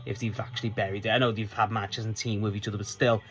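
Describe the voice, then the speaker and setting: A man's voice: lowish voice, flat delivery, fast, a bit bright. A man casually reviewing a wrestling show, chatty and swearing freely as he retells scenes.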